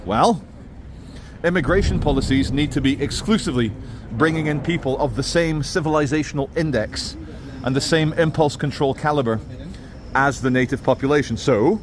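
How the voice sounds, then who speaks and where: A man talking in a rambling, opinionated monologue as he records a walking vlog outdoors in a city. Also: medium pitch. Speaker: vlogger. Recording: outdoor city and traffic noise.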